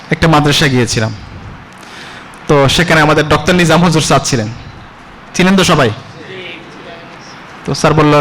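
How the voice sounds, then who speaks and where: Preacher, fairly high voice. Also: male voice, a bit bright, a little hiss or hum, rough recording. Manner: rhetorical questions to the congregation, chanting Arabic verses slowly. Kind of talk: Bengali religious sermon (waz).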